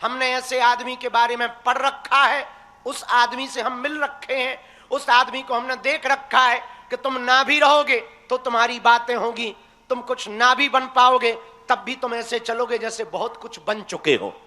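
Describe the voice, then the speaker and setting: A man's voice: very high voice, steady tone, measured pace, pushed and bright, big-room sound. A man preaching a devotional sermon to a crowd, teasing and blunt, speaking straight at his listeners. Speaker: spiritual preacher.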